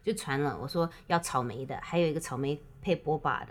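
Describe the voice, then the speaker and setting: A woman's voice: sits low, a little fast. A woman telling a story in casual chat, switching often between Mandarin and English.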